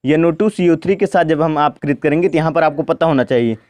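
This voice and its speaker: A man teaching chemistry at a board, speaking slowly and asking questions he then answers himself. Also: fairly high pitch, darkish tone, dry recording. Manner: asks questions and answers them himself, repeats "ठीक ना". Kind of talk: board lesson, step by step.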